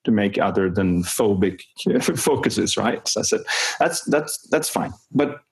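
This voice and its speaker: A man's voice: fairly low pitch, lively intonation, unhurried, gravelly, a little mellow, slightly rough. A man who works as a performance coach, telling an anecdote in an interview and animatedly acting out the dialogue with frequent chuckles. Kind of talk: conversational storytelling in an interview.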